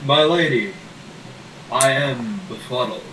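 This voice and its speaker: Courtly, befuddled fantasy knight, acted by a man, pompous archaic delivery, bright tone, roomy recording. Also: mid-range voice, slow. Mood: solemn befuddlement. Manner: pompous mock-archaic phrasing. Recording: roomy, distant mic, faint noise.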